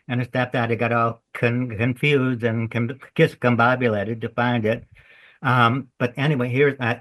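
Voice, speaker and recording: A man's voice: medium pitch, fairly bright tone. A man with a Southern US accent, a playwright chatting in an interview, rambling in a folksy way as he tells stories. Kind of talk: casual interview chat.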